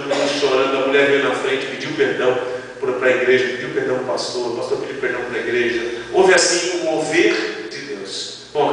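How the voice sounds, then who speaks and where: A male preacher from Brazil telling a testimony in a sermon, acting out dialogues with lively storytelling. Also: mid-range voice. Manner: animated storytelling, quoting God and people in dialogue. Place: large church. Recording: echoey church hall from far off.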